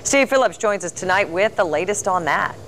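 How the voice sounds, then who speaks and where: A woman's voice: mid-range voice, lively intonation, brisk, a bit bright, slight background noise. A woman reading scripted television news as an anchor.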